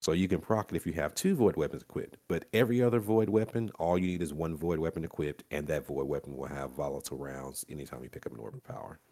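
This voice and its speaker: A man with an extremely low, rumbling voice talks through gaming gear in a relaxed chat. He leans into words, stretching them out for emphasis as he gets excited. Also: fast talker, hardly any pauses.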